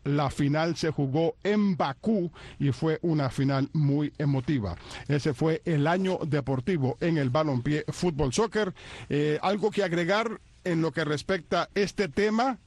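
Brisk, slightly high-voiced sports host man. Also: no room sound. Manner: brisk announcer reading results. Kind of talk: radio sports roundup.

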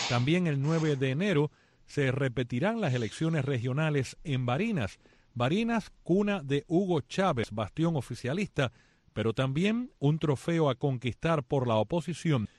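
A man hosting a radio news program, reading the news in a smooth, scripted delivery. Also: on the high side, a little mellow, dry recording.

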